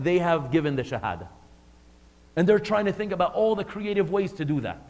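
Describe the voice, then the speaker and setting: A man giving a religious lesson to a live class, speaking conversationally and putting questions to the audience. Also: sits high. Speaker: religious teacher. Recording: long hall reverb.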